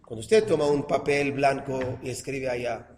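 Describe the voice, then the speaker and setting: A man's voice: mid-range voice, a crowd in the background. Man lecturing in an echoey room. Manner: reads verses slowly, then explains with rhetorical questions. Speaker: teacher. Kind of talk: classroom lecture on scripture.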